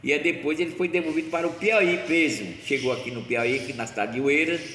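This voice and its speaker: A man's voice: fairly high pitch, fast talker, a bit bright. A man tells local history in a loose, rambling way, often restarting and correcting himself. His voice is heard from a distance in a reverberant, roomy space. A faint noise runs underneath. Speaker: local storyteller. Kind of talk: oral history storytelling.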